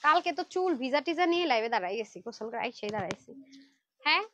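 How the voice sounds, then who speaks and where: A woman's voice: high-pitched, very animated, very fast, fairly bright tone, muffled recording, slight background noise. A woman hosting a live clothing sale, chatty and pushy with her viewers, worn out from a long session. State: tired, worn out. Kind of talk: fast Facebook live selling pitch.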